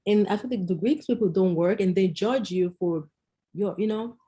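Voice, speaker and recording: Animated woman from Nigeria chatting. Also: mid-range voice, moderate pace. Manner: animated, laughs often, emphatic storytelling. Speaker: podcast co-host. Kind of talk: casual chat.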